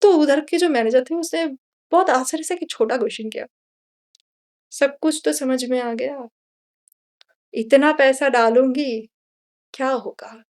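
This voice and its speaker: Consultant guest, woman from India, high voice, animated storyteller, switches between Hindi and English. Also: measured pace, pauses often. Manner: animated, mixes English into Hindi, acts out dialogue. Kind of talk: storytelling interview answers.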